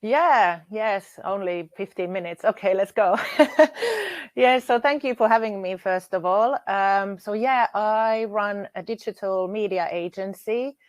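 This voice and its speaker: A woman's voice: mid-range voice, a little slow, no room sound. Woman from Finland, webinar guest, video call, cheerful, dry sound. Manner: cheerful, laughs easily. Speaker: guest entrepreneur. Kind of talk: casual chat on a video call.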